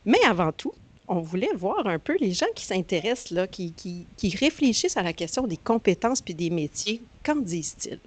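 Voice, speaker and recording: A woman's voice: mid-range voice, big pitch swings, normal speed. A woman with a Quebec French accent hosting a conference with an informal, hesitant introduction, often searching for words. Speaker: conference host.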